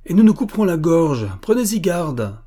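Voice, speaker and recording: A man's voice: on the high side, very animated, normal speed, mellow, pitched above the performer's own voice. A man voicing a hot-headed young nobleman who blusters and throws down challenges. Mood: blustering.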